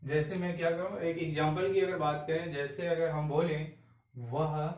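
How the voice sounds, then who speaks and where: Man, English grammar teacher, explains in Hindi, slightly high voice, echoey room, mic a bit far. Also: steady tone, a little mellow, lo-fi sound. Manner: repeats rhetorical questions, dictates example sentences slowly word by word. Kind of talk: Hindi-language grammar lesson.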